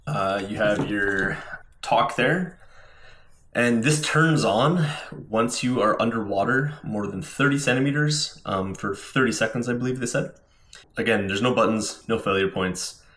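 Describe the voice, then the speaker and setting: A man's voice: lowish voice, fairly bright tone. A man giving a casual, informal product demonstration as a scuba diver, explaining things step by step. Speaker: scuba diver reviewing gear. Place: indoors at home. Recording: roomy indoor echo.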